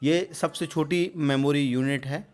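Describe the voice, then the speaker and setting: A man explaining quiz answers as a computer exam tutor. He repeats terms with many fillers and pauses, and raises his voice loudly to read out each new question. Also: on the high side. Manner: repeats terms and fills with "jo hai" and hesitations.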